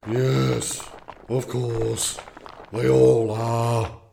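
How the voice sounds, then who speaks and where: A man voicing an ancient, miserable male stone warden with a gravelly, slow, booming voice. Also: level tone, mellow, reverberant, a little hiss or hum, heavily acted. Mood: weary.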